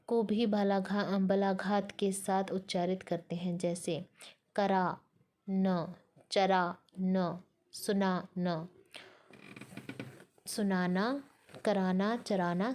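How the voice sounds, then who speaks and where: A woman lecturer reading a textbook passage aloud, slowly and carefully, stopping to break words apart and explain their spelling. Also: medium pitch, mellow.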